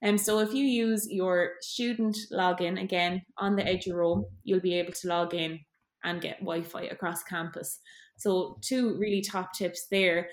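A woman's voice: on the low side, steady tone, measured pace. A woman, a guest from student services, earnestly explaining on a podcast. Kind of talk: podcast interview. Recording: echoey room.

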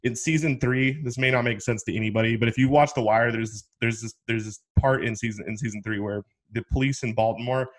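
A man's voice: medium pitch, fairly even intonation, quick pace, hardly any pauses. Slangy young man hosting a podcast. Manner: chatty storyteller, slangy, many restarts. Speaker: podcast host. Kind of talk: casual podcast chat.

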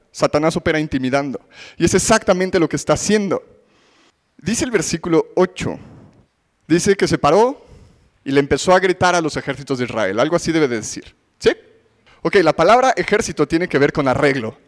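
A man preaching a sermon, his voice pitched high for a man. He talks in a conversational way, keeps asking the audience questions and acts out the voices of the people in the story. The sound has a long reverb, as in a big hall.

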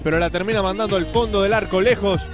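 Football pundit guy, highish voice, recapping goals with music behind. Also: steady tone, fast talker. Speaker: football analyst. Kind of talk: goal recap commentary.

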